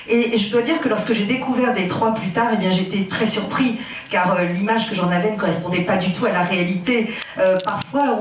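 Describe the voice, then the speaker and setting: A woman's voice: medium pitch, slight background noise. A woman interpreting and asking interview questions, hesitant and filler-heavy, recorded from far off in a very echoey room. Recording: very echoey, distant mic.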